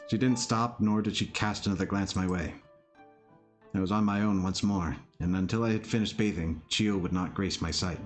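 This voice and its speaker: A young village leader acted by a man speaks in a low, raspy voice. He is a dry, teasing father figure from a visual novel, with faint music playing behind him. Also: steady tone, moderate pace, natural voice. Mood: reflective. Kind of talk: visual novel character acting.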